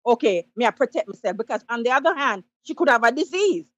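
A woman's voice: on the high side, lively intonation, fast talker, a bit bright, no echo. A Jamaican woman calling in to a talk show, giving emphatic, preachy advice in patois. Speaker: caller. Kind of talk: call-in radio commentary.

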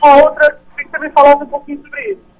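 A woman's voice: high voice, racing, darkish tone. A woman caller heard over the phone, chatting in a friendly way as she asks the host questions at length. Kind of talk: call-in question to a radio host. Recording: phone line.

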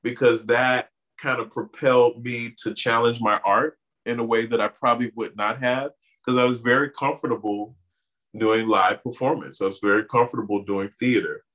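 Heard on a rough recording, the man has a mid-range voice and talks at normal speed. He is a guest in an interview conversation, a Bahamas-born artist and community organizer raised in Miami, who tells animated stories full of "you know."

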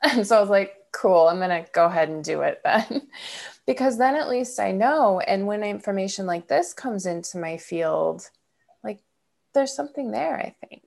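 A woman from Ohio hosting a podcast talks at normal speed in an animated, mid-range voice that is gravelly with a darkish tone. The conversation is casual, and she rambles with fillers and laughs.

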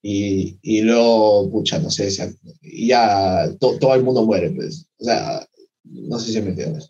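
A man's voice: fairly low pitch, a little slow, warm tone, slightly rough. A young man co-hosting a podcast, chatting casually and rambling, often searching for his words and using slang. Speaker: podcast co-host. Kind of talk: casual chat. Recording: dull lo-fi sound.

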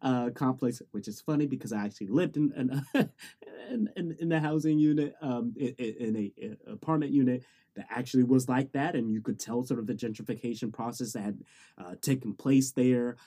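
A young adult student talks through a documentary in a loose, rambling way. The voice is mellow and soft-edged. The speaker keeps saying "sort of", restarts sentences and drops in joking asides. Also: medium pitch, a little fast. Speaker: student about to graduate. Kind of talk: casual spoken summary of a documentary.

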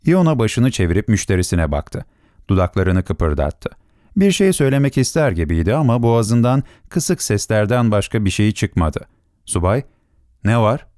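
A man narrating a classic short story in a calm, steady audiobook reading. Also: on the low side, normal speed, no room sound, studio quality. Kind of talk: scripted narration.

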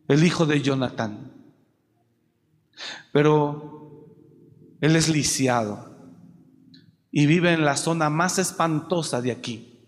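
A man preaching a sermon, moving from quiet storytelling to shouted exhortation. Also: fairly high pitch, long reverb tail.

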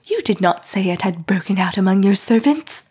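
A woman reading aloud, voicing a young male army officer who speaks in a hushed, trembling voice. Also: medium pitch, lively intonation, normal speed, breathy edge. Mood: grave.

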